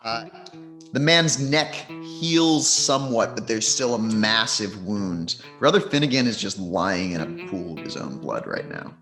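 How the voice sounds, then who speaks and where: A man narrating as game master of a tabletop game, in a measured, relaxed way with plenty of fillers. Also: lowish voice, faint music behind.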